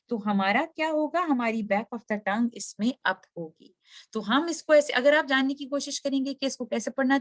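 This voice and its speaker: A woman with a slightly high voice teaches a recitation lesson. She explains patiently, slows down to demonstrate each sound, and drops English terms into her sentences. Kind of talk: tutorial lesson.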